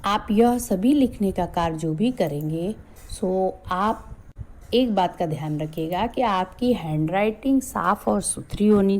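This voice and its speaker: A woman's voice: fairly low pitch, a little mellow. A woman teaching Hindi to young children in a recorded lesson, patiently drawing out each syllable and mixing in the English word "so". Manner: slow, patient, drawn-out sounding of each syllable. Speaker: primary school Hindi teacher.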